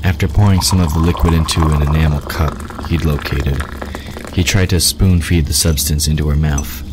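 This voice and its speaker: The narrator of this audio drama has an extremely deep male voice, steady in tone and moderate in pace as he reads a scripted story. Light background ambience and noise can be heard.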